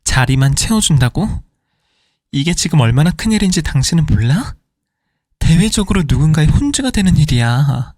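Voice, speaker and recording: A man's voice: fairly high pitch, big pitch swings, normal speed, darkish tone, no room sound, clean studio sound, voice pushed up. A man voicing a furious middle-aged wife who fires indignant questions at her husband, in a storytelling reading.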